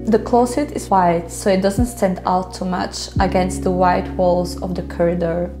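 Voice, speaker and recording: A woman from Ukraine who grew up in Italy, speaking as she calmly explains her home as an interior decorator. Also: fairly low pitch, unhurried, over music. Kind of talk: home tour narration.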